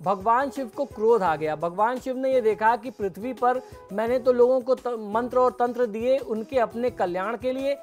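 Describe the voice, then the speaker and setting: A middle-aged man, an astrologer guest on a TV program, explaining devotional mantras in a measured way and chanting them slowly. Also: extremely high pitch.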